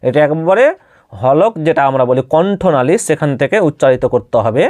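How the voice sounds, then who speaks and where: Bengali guy teaching quran letters, slightly high voice, repeats stuff, dry close mic. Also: animated, fairly quick, a little mellow, dry recording. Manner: patient, repeats letters and asks the listener questions. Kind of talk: step-by-step spoken lesson.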